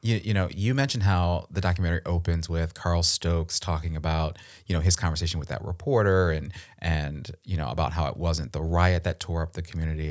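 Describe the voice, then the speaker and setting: A deep-voiced man co-hosts a casual podcast conversation. He talks in an earnest, thoughtful way, often restarting his sentences and filling pauses as he works through his thoughts. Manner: earnest, reflective, many restarts and fillers. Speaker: podcast co-host.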